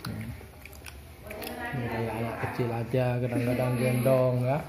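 Home vlogger mom, low chatty woman's voice, family noise around her. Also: level tone, moderate pace, a loud crowd. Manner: chatty, keeps addressing viewers as "Bun". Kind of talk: casual home vlog chat.

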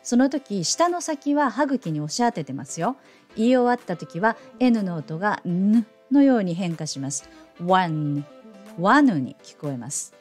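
英語の発音を丁寧に教える女性の先生で、子どもに語りかけるように楽しげに誘導する。. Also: female voice, measured pace, slightly rough, faint music behind. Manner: playful, coaxing as if to children; animated, lively pitch. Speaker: English teacher. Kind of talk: pronunciation lesson.

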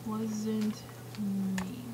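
A woman's voice: medium pitch, little pitch movement, extremely slow. A woman chatting with a friend in a dry, teasing way. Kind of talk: casual chat among friends. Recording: from far off, room noise.

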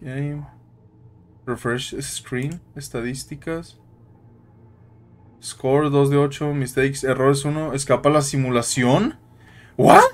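A man giving jittery, excitable let's-play commentary, tossing in English slang as he plays. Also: medium pitch, takes it slowly, long pauses. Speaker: gaming YouTuber.

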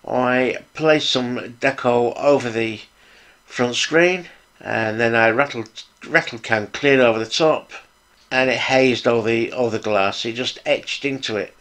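Middle-aged man, British accent, casual vlog narration, chatty, informal, appreciative, medium pitch. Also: a little slow, a bit bright. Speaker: hobby video host, model car builder.

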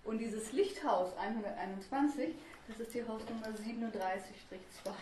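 A woman's voice: a little high, moderate pace. A woman in the audience adding short comments to a lecture. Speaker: audience member. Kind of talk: casual interjections in a lecture. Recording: echoey room with noise.

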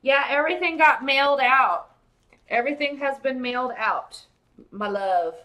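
A woman's voice: high-pitched, moderate pace, bright, forceful tone, rough recording. A woman hosting a live pearl-opening sale, chatting casually and gushing to viewers by name. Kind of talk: casual live-stream sales chat.

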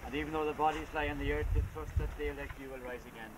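Solemn priest praying at an outdoor graveside. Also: male voice, fairly high pitch, fairly even intonation. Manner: measured, formal liturgical delivery. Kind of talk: solemn funeral prayers read at a graveside. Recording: noisy, windy outdoor camcorder recording.

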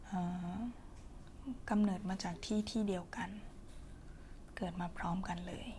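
A woman voicing a caring girlfriend in an ASMR role-play, soft breathy pillow talk, as if reading her partner to sleep. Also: medium pitch, slight background noise.

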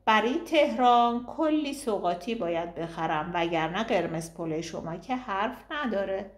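A woman's voice: medium pitch, animated, echoey room, natural voice. A woman voicing a teasing chatty woman friend. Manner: bantering, gossipy.

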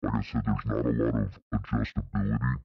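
Man through a deep, gravelly voice changer. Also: little pitch movement, brisk, no room sound, dull audio. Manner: plain explanatory talk with fillers. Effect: deep pitch-shifting voice changer preset. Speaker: tech reviewer. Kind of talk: casual product demo.

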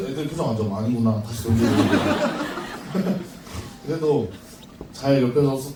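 A man who plays keyboards in a band, answering a fan question at a live showcase in a halting, think-aloud way. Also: medium pitch, mellow. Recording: echoey hall from a distance with faint noise.

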